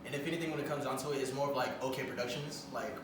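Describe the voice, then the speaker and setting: A man's voice: mid-range voice, steady tone, very fast. Hesitant young man rapper, echoey and distant. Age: 20s. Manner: hesitant, repeats phrases like "when it comes down to it". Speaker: guest rapper and producer. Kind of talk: casual interview. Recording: roomy echo, far from the mic, background noise.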